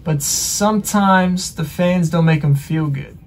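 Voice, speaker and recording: A man hosting a reaction channel, casually explaining song lyrics in a relaxed way full of fillers. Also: fairly high pitch, a little slow. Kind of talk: casual music reaction commentary.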